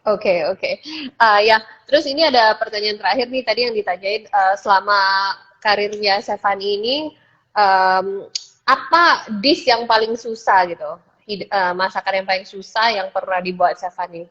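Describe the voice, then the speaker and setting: A woman's voice: mid-range voice, normal speed, fairly bright tone, dull audio. A woman hosting a casual live-stream chat over a video call, easygoing and switching freely between languages. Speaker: host.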